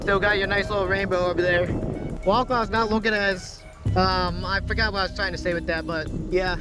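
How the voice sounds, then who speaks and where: A man giving excited, urgent live storm-chase commentary into a phone, repeating his exclamations and often saying dude. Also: high-pitched, a little fast, rough recording. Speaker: storm chaser filming a vlog. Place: roadside and in a car during a storm. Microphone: handheld phone close to the face. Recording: windy phone recording with music behind.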